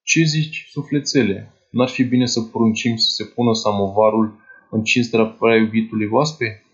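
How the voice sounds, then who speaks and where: A man's voice: on the low side, fairly even intonation, muffled recording, natural voice. A man voicing an old count who talks to his wife in a genial, coaxing way.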